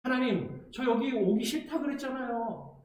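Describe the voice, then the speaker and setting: A man's voice: very high-pitched, animated, normal speed. A man voicing a pleading complaining prophet. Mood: pleading complaint. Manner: raised, pleading complaints to God. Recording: very echoey church sanctuary.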